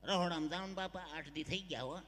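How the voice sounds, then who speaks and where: A man voicing a sharp-tongued, bossy old village mother-in-law who scolds her daughter-in-law in drawn-out calls. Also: on the high side, lightly acted. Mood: nagging. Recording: long hall reverb.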